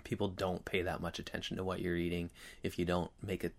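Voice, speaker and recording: A man chatting casually to his viewers as host, earnest and reflective, with halting, rambling phrasing and a slight whistle on his s sounds. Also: low voice, level tone. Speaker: video host.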